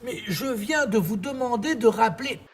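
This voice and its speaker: A man's voice: very high voice, animated, normal speed, breathy edge, full character voice. A man acting a tender, grandiloquent late-night radio host in a theatrical, lyrical manner, easily flustered. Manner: effusive, lyrical, repeating words when flustered. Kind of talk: theatrical stage monologue as radio sign-off.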